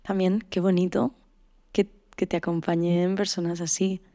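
A woman hosting a podcast, asking gentle questions and affirming her guest with short interjections. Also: fairly low pitch, little pitch movement, normal speed. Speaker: podcast host. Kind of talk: supportive interview.

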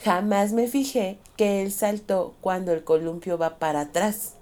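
A woman's voice: mid-range voice, fairly even intonation, measured pace, dark tone. A woman with a Mexican accent, co-hosting a casual podcast, telling funny self-mocking stories and laughing as she goes. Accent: Mexican Spanish. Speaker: podcast co-host.

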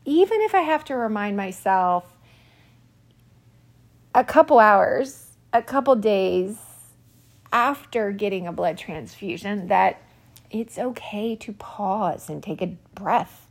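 A woman in her forties hosting a podcast, telling a personal story in a quick, animated, self-mocking way, a little out of breath. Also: medium pitch. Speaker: podcast host. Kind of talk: personal monologue.

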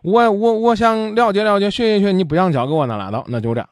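A man's voice: sits high, fast, dry recording, studio quality. A man hosting a call-in radio show, blunt and pressing as he pushes a caller for a straight answer.

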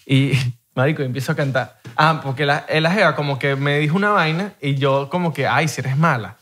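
A young man with a Venezuelan accent chatting casually on a podcast and telling stories in a slangy, lively way. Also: fairly high pitch, a little fast. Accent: Venezuelan Spanish. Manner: slangy, animated storytelling. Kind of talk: casual chat.

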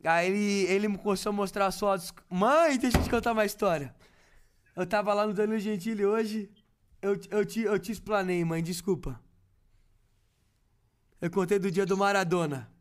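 A man's voice: high-pitched, normal speed. A tipsy, effusive man, swearing freely in a casual podcast chat. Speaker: podcast guest.

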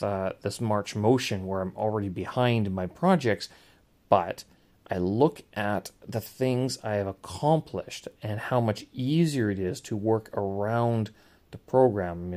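Hosting a casual solo podcast, a man with a naturally loud, lowish voice speaks hesitantly. He keeps correcting himself and circling back to rephrase. He's recorded on a small handheld recorder or a podcast microphone.

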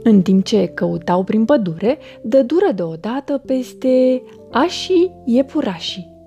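Gentle woman reading a bedtime story. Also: a little high, sing-song, faint music behind. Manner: gentle, soothing.

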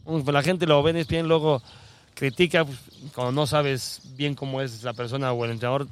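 A man, a former footballer, telling stories in an animated, laughing way during a casual chat. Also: mid-range voice, a little fast, slight background noise. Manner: animated storyteller, laughs often.

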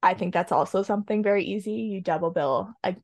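A woman's voice: mid-range voice, fast, no echo. A woman chatting casually on a podcast, opinionated and rambling with lots of ums. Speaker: podcast co-host. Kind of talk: casual chat.

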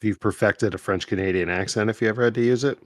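A deep-voiced man chatting on a podcast in a laid-back, teasing way, swearing casually. The recording is dry and close. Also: fast talker, no echo. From New Jersey. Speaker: podcast co-host. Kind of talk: casual chat.

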